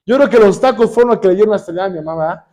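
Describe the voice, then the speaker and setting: A man's voice: high-pitched, racing, dark tone. A middle-aged man with a Mexican accent preaching a sermon, who keeps saying "hermanos" and asks his congregation questions, with joking asides.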